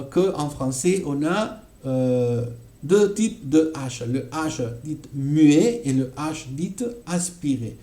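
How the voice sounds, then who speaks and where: A man teaching a French grammar lesson at an unhurried pace, in a mellow, dark voice. He keeps checking that his listeners follow and repeats each example phrase slowly. The room around him is echoey. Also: fairly high pitch. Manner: frequent check-ins with "d'accord?" and "voilà".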